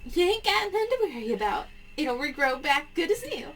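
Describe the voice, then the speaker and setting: A woman's voice: high-pitched, big pitch swings, a little fast, fairly bright tone, slight background noise, pitched above the performer's own voice, exaggerated voice. A woman voicing a folksy, motherly country doctor in a game, calling people honey and dear. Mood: kindly, reassuring.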